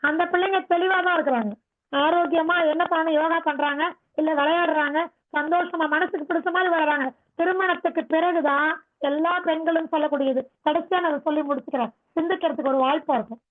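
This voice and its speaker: A woman's voice: high-pitched, fairly even intonation, fast talker. A woman yoga teacher giving a motivational talk, pressing her listeners with rhetorical questions. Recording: tinny phone-like sound.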